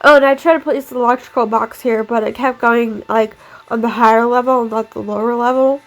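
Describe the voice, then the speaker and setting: A young woman's high-leaning voice comes through poor audio, brisk and steady in tone but nasal from a cold. She rambles casually about her game build with lots of "like" fillers, faint background music audible.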